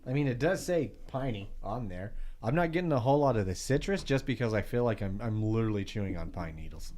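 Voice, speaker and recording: A man's voice: on the low side, animated, fast, mellow. A man co-hosting a beer podcast, chatting casually and joking as he swears freely. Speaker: podcast co-host. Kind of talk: casual beer-tasting chat.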